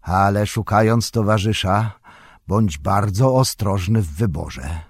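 A man voicing a stern old male wizard, speaking gravely and measured. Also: fairly low pitch, no echo, heavily acted.

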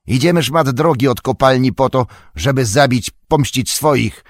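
A man shouting as a vengeful northern orc. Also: mid-range voice, unhurried, no room sound, studio quality, voice pushed up, lightly acted. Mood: defiant. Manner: defiant, shouting. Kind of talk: audiobook character voice.

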